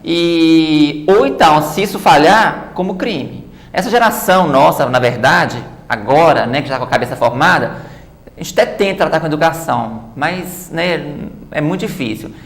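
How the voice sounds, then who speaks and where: A woman's voice: sits low, expressive, moderate pace. Explanatory woman guest, roomy studio. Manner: explanatory, frequent "né" tags. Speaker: guest author and activist. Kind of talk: TV studio interview.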